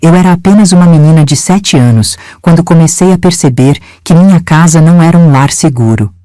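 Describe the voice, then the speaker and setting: A woman in her seventies from Minas Gerais, narrating her own life story in a gentle, measured, confiding way. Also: low voice, no room sound. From Minas Gerais, Brazil. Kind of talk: scripted first-person storytelling.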